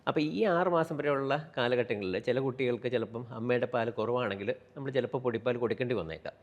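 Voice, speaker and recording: A man who is a pediatrician with a Kerala Malayalam accent, calmly explaining child health and dropping in English medical terms. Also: mid-range voice, fast talker, highs cut off. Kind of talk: explaining to an interviewer.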